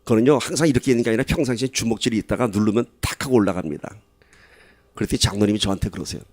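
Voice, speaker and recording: A pastor giving a sermon in a conversational way, asking the congregation questions and rising to loud, emphatic stretches. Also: male voice, fairly low pitch, very fast, no echo.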